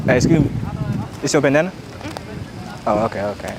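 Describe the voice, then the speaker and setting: Young guy doing a street prank vlog, slangy, voice jumps all over, loud traffic noise behind. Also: medium pitch, animated, brisk, vocal fry. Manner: slangy, apologetic, fake-sick pleading. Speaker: prank video host. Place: outdoors on a city street. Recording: loud street noise on outdoor camera mic.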